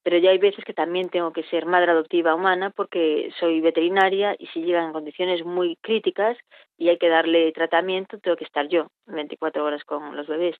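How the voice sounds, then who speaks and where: A woman's voice: on the low side, steady tone, brisk, no room sound. Woman on a tinny phone line. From Spain. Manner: reflective, searching for words. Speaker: veterinarian at a chimpanzee sanctuary. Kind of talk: interview answers.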